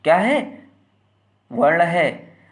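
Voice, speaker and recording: A man teaching a lesson, who poses questions and answers them himself and stretches sounds out slowly to demonstrate them. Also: on the high side, animated. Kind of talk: classroom-style lecture.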